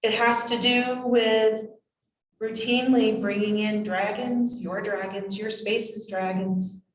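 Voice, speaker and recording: A woman acting as a seance medium in trance, voicing a cryptic, whimsical spirit guide in halting, measured phrases. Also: medium pitch, steady tone, slight background noise, lightly acted. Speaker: channeling medium. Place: indoors, draped room. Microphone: distant camera microphone. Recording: roomy echo, distant microphone.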